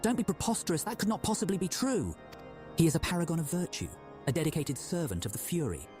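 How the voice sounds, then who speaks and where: A man's voice: fairly high pitch, expressive, quick pace, a little mellow, faint music behind, close to an everyday voice. An actor playing a devout, wounded male knight who speaks in a stiff, proud and formal manner. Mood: indignant. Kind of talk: game voice acting.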